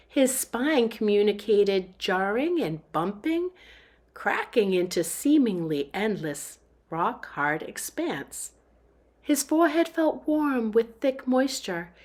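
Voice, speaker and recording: A woman giving a dramatic, suspenseful reading of a horror novel in a hushed voice that sometimes drops to a whisper. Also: medium pitch. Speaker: book reader.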